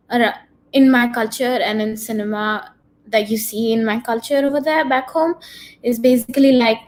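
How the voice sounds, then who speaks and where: A woman filmmaker answering at a panel Q&A, earnest and peppering her talk with "like". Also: on the high side. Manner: earnest, frequent "like" fillers. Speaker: filmmaker guest.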